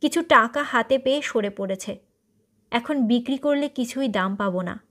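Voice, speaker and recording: A woman's voice: a little high, normal speed, a bit bright. A woman voicing an ailing older wealthy man who speaks earnestly and persuasively in a story reading.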